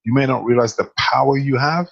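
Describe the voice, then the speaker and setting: A man co-hosting a podcast as a speaking coach, talking in an animated, emphatic way with lots of rhetorical questions. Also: mid-range voice, brisk, gravelly, dull audio. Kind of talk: casual podcast chat.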